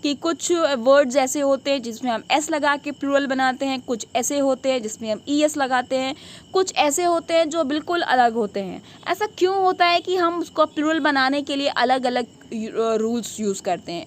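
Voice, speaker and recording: High-voiced woman teaching grammar. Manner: quizzing questions answered herself. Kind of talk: classroom lesson.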